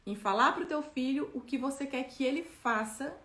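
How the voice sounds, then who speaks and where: Woman giving parenting tips, chatty, kinda high voice, echoey room. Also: moderate pace, fairly bright tone. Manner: conversational, many tag questions. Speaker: parenting educator. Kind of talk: explaining parenting tips to camera.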